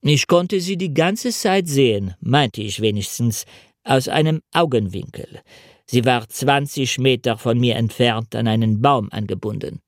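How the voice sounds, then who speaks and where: A man reading the part of an elderly French officer who tells a story slowly and deliberately. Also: mid-range voice, no echo, studio quality, close to an everyday voice. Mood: measured.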